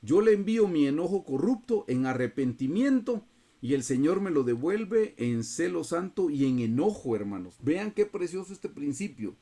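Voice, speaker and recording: Male Bible teacher, slightly high, mellow tone, earnest preaching over video call. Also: very animated, normal speed. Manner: earnest, repeatedly addresses listeners as brothers.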